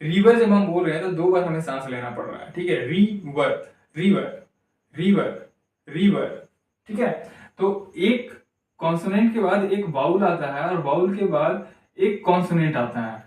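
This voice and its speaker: High-voiced man lecturing in an echoey room. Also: expressive, darkish tone. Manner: repeats words slowly, syllable by syllable. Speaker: English teacher. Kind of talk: classroom lecture. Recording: very echoey room, mic far off.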